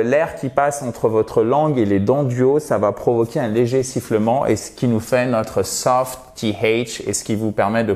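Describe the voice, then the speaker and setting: A man's voice: mid-range voice, a little mellow. A French-speaking man teaching an online English lesson, explaining patiently and checking in with his listeners.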